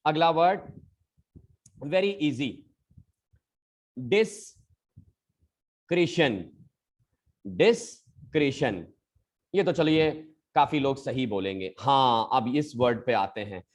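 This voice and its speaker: Slow, patient male English teacher. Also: mid-range voice. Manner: repeats words slowly to model pronunciation; addresses students as children, explaining patiently. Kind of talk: pronunciation lesson.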